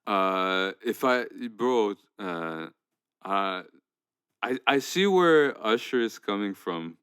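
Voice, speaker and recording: A young man from Canada co-hosts a music podcast, his voice on the low side and smooth and clear. He rambles through his points with lots of fillers and restarts, recorded close and dry. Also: lively intonation, slow, fairly bright tone, no echo. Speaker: podcast co-host. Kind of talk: casual chat.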